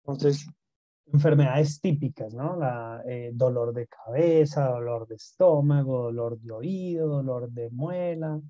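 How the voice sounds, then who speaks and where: Mellow-voiced teacher. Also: male voice, mid-range voice, measured pace, no room sound. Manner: mixes Spanish and English, frequent "¿no?" and "¿listo?" checks. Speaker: English teacher. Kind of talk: online class explanation. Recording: dull lo-fi sound.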